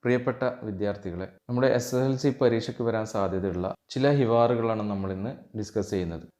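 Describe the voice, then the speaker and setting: A man from Kerala, an Arabic teacher, giving an exam-prep lesson. He reads dialogue lines slowly and then translates them. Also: fairly low pitch, warm tone.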